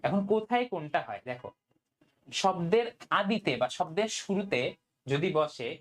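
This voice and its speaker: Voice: medium pitch, expressive, moderate pace. A tutor teaching an online Bangla grammar class, often asking "okay?" and mixing in English words. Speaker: admission test tutor.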